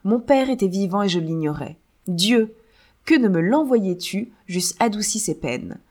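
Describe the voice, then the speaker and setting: A woman reading as a soft-hearted grieving sister. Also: mid-range voice, lively intonation, a little slow. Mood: fervent.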